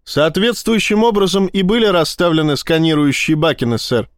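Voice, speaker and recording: A stiff, deferential intelligence officer, put on by a man reading aloud, pitched well above the narrator's voice and clipped, peppering his excuses with formal address. The recording is dry and close. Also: expressive, moderate pace, no echo, natural voice. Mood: defensive. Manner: formal, defensive, repeating "sir". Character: deferential male intelligence chief.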